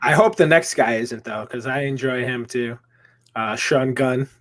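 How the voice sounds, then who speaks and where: A man's voice: medium pitch, a little slow, a bit bright. Joking man leading a podcast chat. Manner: joking, leads the rundown. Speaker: podcast co-host. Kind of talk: casual chat.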